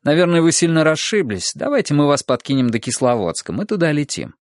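A man's voice: on the high side, very animated, fairly quick, dry recording, studio quality, pitched above the performer's own voice. A man voicing a cheerful young woman from the future in an audiobook, speaking in a breezy, matter-of-fact way.

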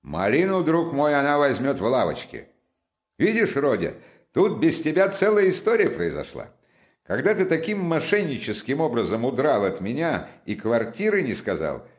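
A loud, excitable young chatterbox, as a man puts him on for an audiobook, his voice jumping high and swinging all over as he teases and boasts. His talk is quick and animated, friendly and full of himself. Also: close to an everyday voice. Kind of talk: audiobook character reading.

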